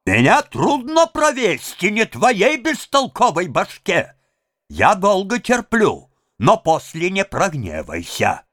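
A man voicing a furious older village woman with drawn-out, shrill scolding in a storybook reading. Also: huge pitch swings, fairly bright tone, no echo, studio quality, full character voice.

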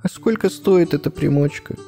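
Casting: man voicing an anxious pleading young wife, high, mellow. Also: normal speed, gravelly, faint music behind.

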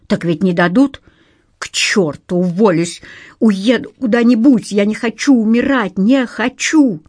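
A woman's voice: medium pitch, a little slow, a little mellow, husky, dry recording, studio quality. A woman voicing a panicky, hysterical young male banker in an audiobook, with frantic, sobbing pleas.

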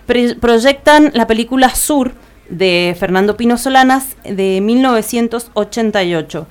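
A woman's voice: on the high side, animated, unhurried, clean tone. A woman with an Argentine Spanish accent, co-hosting community radio and reading out the week's events agenda, with frequent "eh" fillers and self-corrections. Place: radio studio.

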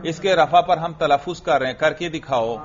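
A man teaching a classroom grammar lesson who keeps asking his students short questions and praising their answers. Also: a little high. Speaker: religious school teacher. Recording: dull lo-fi lecture recording.

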